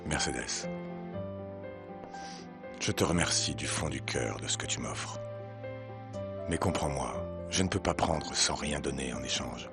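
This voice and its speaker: An actor voicing a proud, lonely man who feels empty inside and speaks gravely, in dubbed telenovela acting. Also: very deep voice, a little slow, long pauses, over loud music. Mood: weary. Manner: weary, grave.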